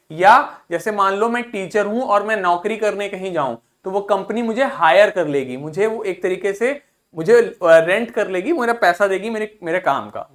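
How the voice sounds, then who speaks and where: A teacher with a medium-pitched, fairly bright voice gives a recorded vocabulary lesson, posing questions to students and answering them. Each word is repeated and spelled out letter by letter, with explanations in Hindi mixed with English words and read-out English phrases.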